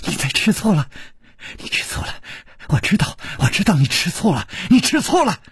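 A man voicing a sly young woman who teases and taunts in murmured half-whispers, with a very husky voice. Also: sits low, very animated, unhurried, a little mellow, no echo, studio quality, exaggerated voice. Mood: taunting.

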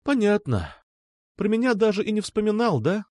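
A man's voice: high-pitched, big pitch swings, normal speed, darkish tone, dry recording, studio quality, voice pushed up. Nastya, a man voicing a bossy teasing girl. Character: young woman, brisk, teasing, bossy classmate.

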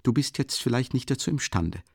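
A man's voice: medium pitch, animated, a little fast, no room sound, clean studio sound, voice pushed up. A man reading the part of a proud young woman who speaks earnestly and with heat. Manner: earnest, heated.

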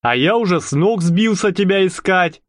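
A man's voice: high-pitched, lively intonation, normal speed, no echo, studio quality, voice pushed up. Storybook figure: an unflustered man, jokey and offhand, voiced by the narrator. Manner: joking, offhand. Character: easygoing grown man, mocking and unflustered.

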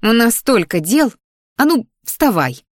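Voicing a cheerful, bossy young student roommate in a fantasy audiobook, a woman talks eagerly and with emphasis, sounding lively and bossy. Her medium-pitched voice is close to an everyday one, at a moderate pace, in a dry, clean studio recording.

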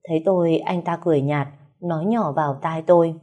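Dark-voiced woman storyteller. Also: low voice, fairly even intonation, brisk, dull audio. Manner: emotional, wronged, plaintive. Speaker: story narrator. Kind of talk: first-person storytelling narration.

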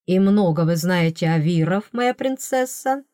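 Lady doing a slow dry-humored prince, teasing and calm, storybook style. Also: fairly low pitch, no room sound. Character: young male crown prince, calm, teasing, deliberate. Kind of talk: audiobook character voice.

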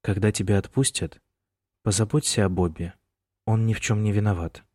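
A man's voice: lowish voice, fairly even intonation, moderate pace, husky, dry recording, clean studio sound. Man voicing James, a tearful young student. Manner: quiet, tearful.

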